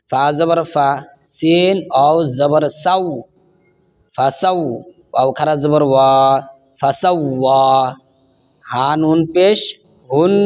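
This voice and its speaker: Slow, chanting Bangladeshi Bengali man teacher. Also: fairly high pitch, a little mellow. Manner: spells each syllable then chants the joined word. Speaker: Quran reading teacher. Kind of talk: slow spelling-out recitation lesson.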